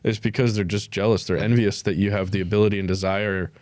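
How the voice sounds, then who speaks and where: A man from Florida with a fairly low voice chats casually on a podcast, relaxed and quick to swear. His voice is recorded close and dry. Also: no echo. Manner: swears often, laid-back. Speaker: podcast co-host. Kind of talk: casual chat.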